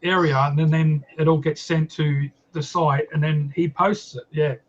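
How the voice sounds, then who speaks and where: A man's voice: a little high, flat delivery, moderate pace. A man explaining in an easygoing way how his group shares its findings. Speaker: yowie group organiser. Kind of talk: casual online hangout chat. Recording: lo-fi call audio.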